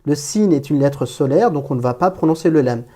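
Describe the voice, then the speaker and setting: A woman's voice: low-pitched, expressive, a little fast, dark tone. A woman teaching an Arabic reading lesson, patiently reading word by word and explaining pronunciation.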